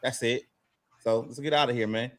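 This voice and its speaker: A man's voice: mid-range voice, steady tone, normal speed, a bit bright. A man on a sports panel bantering casually in cocky, slangy talk.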